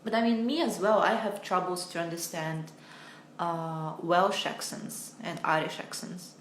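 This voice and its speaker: A woman's voice: fairly low pitch, steady tone, measured pace, slight background noise. Roomy-sounding American woman teacher chatting. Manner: chatty, hesitant, self-deprecating. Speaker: English teacher. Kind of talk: casual livestream chat. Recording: roomy echo.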